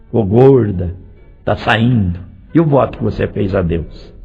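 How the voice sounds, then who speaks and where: A male pastor preaching a lively sermon, firing direct questions at the congregation and swinging between loud and soft delivery. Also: lowish voice, a little slow, creaky, husky. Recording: dull lo-fi recording with faint music.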